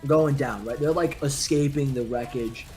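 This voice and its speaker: A young man in casual chat during a gaming stream, ranting in an animated, worked-up way. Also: medium pitch, normal speed.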